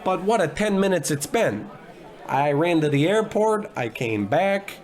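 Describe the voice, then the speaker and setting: Narrating and leading a comedic old-time radio noir, this man plays a cocky, hapless private eye who drinks hard, cracks wise and launches into melodramatic monologue. His voice sits high and sounds a little mellow, with lively intonation, a measured pace and a stubborn, brash mood, while some chatter runs in the background.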